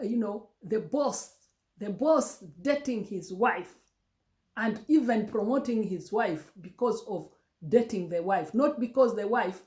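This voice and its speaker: A woman with a Kenyan accent pours out emotional commentary, her voice sitting somewhat high. She pleads and stammers, restarting her words as she presses her case. The room around her rings with a noticeable echo. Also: a little mellow. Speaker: vlogger. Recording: roomy echo.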